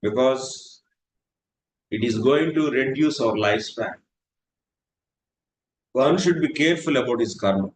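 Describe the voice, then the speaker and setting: A man giving a scripture class, speaking in an earnest, repetitive way. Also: mid-range voice. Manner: earnest, repetitive, swings between slow and fast. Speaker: spiritual teacher. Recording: echoey room with faint noise.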